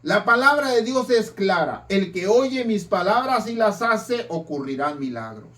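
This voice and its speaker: A man preaching a sermon in an emphatic style, with dramatic swings between loud and soft. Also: high-pitched, lively intonation, unhurried. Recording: distant mic.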